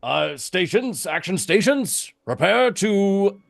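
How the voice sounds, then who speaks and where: A man's voice: sits high, very animated, takes it slowly, gravelly, no echo, pitched above the performer's own voice, full character voice. A man voicing an eager, awkward male ship's mate who barks out orders and hopes for approval.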